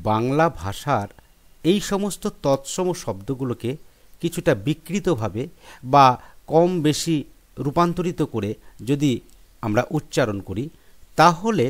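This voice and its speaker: A man teaching a school grammar lesson, explaining step by step and listing examples one by one. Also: a little high. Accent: Bengali. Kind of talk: classroom lesson.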